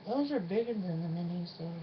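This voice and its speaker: A woman's voice: lowish voice, lively intonation, a little fast. A woman hosting a casual challenge vlog, chatting in an informal, folksy and self-deprecating way. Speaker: host of a challenge video. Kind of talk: casual vlog chat with a partner. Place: indoors at home, room with a refrigerator. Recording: dull lo-fi sound with faint noise.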